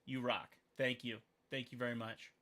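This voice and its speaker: A Montana man in his thirties, a caricature artist and videographer, chats upbeat and casual while drawing on a livestream, rambling and thinking out loud. His medium-pitched voice is a bit bright, with a flat delivery at normal speed.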